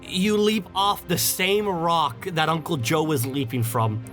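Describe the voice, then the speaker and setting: A man's voice: a little high, animated, a little slow, fairly bright tone. A man narrating a tabletop game as game master, setting scenes dramatically. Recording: music behind the voice.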